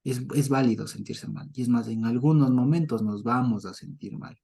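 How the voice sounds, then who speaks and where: This is a middle-aged man teaching the Bible in a chatty, informal way, laughing often and asking after his listeners. He alternates loud, playful preaching with soft murmurs, speaking at a moderate pace in a creaky, husky mid-range voice.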